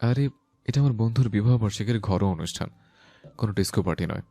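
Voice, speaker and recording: A man playing a stern, irritable young husband who speaks gruffly and impatiently in an audio story. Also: deep voice, fairly even intonation, a little fast, darkish tone, soft background music. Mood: irritated. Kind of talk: Bengali audio story acting.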